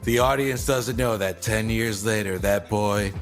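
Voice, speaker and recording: A man co-hosting a podcast who chats casually, chimes in with quick reactions and jokes in a laid-back way. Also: fairly low pitch, soft background music. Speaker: podcast co-host.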